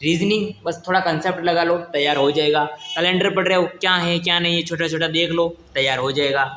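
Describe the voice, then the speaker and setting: A man's voice: a little high, steady tone, fast talker, pushed and bright, roomy sound, slight background noise. A young man, teaching an exam coaching lesson in a casual, encouraging way and often checking that students follow. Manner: repeats "ठीक है ना?" to check understanding, encouraging.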